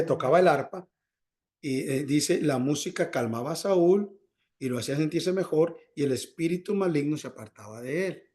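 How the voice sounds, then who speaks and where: Male preacher, slightly high voice, conversational sermon, quizzes the congregation, restarts and repeats words, acts out prayers. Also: mellow. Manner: call-and-response questions, repeats words when searching; acts out prayers and dialogue in a higher voice.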